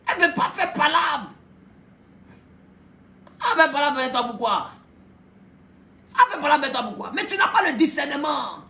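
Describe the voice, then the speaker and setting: A man preaching a sermon as pastor, emphatic and often shouting, with playful asides. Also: very high-pitched, big pitch swings, moderate pace, long pauses, reverberant.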